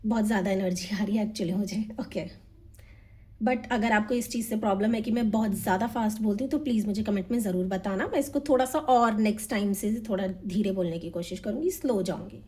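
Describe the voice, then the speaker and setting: Fast-talking woman tarot reader, mellow voice. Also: mid-range voice, husky. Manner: fast, energetic talk mixing Hindi and English. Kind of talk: monthly tarot reading to camera.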